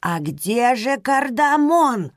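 A woman's voice: mid-range voice, animated, a little slow, darkish tone, dry recording, clean studio sound. Woman playing a grumpy forgetful old lady. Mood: insistent. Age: older. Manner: grumbling, insistent.

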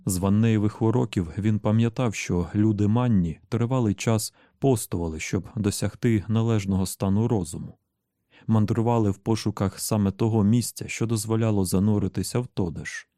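Male audiobook narrator, low voice, warm mellow tone, dry close recording, steady reading. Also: moderate pace, no echo. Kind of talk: scripted narration.

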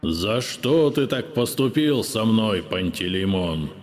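A man voicing a vengeful, mournful male ghost who moans slowly in a booming, hushed, menacing voice. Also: expressive, faint music behind. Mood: moaning, menacing. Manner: moaning sepulchral voice, slow and drawn out.

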